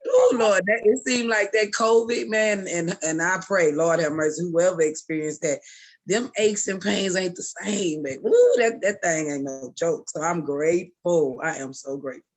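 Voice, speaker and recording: A woman's voice: on the low side, normal speed. A woman co-hosting a casual live show, teasing and peppering her talk with churchy exclamations. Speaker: co-host. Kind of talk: casual live-stream chat.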